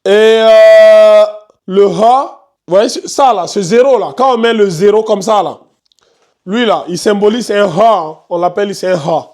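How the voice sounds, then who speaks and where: A man's voice: high-pitched, unhurried, a little mellow. A man teaching Quran recitation rules in an online class. He repeats himself and points at details on the screen. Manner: repetitive, pointing out details on screen, scolds noisy students.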